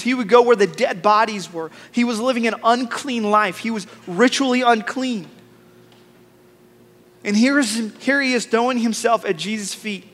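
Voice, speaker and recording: A man's voice: very high voice, fairly bright tone. A man preaching a sermon as a pastor, telling the story in a conversational way with humor and repeated phrases. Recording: long hall reverb.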